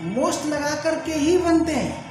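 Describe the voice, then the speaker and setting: Slow, deliberate male teacher in a very echoey room, drilling students with questions he answers himself. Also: very high voice, over music. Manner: asks questions and answers them himself, repeats key words. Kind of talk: English grammar lesson in Hindi.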